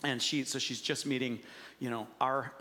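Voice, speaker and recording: A man preaching a sermon as pastor, telling stories and acting out quotes with lively energy. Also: mid-range voice, normal speed, big-room sound. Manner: animated storytelling with acted-out quotes.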